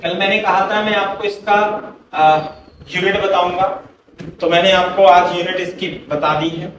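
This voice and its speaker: Male physics teacher, high-pitched, unhurried dictation, far from the mic in a very reverberant classroom. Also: steady tone, a bit bright. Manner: repeats checks like "clear hai kya baat?", calls students "beta"; slow, drawn-out dictation of terms. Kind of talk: classroom lecture mixing Hindi and English. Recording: very echoey room, mic far off, faint hiss.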